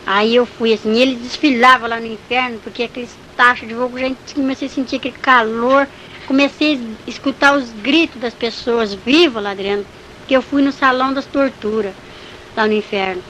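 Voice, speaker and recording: A woman's voice: on the high side, fairly even intonation, fairly quick, a bit bright, a little hiss or hum, low-quality recording. A woman giving a vivid, emotional religious testimony in a storytelling manner. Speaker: church testimony speaker.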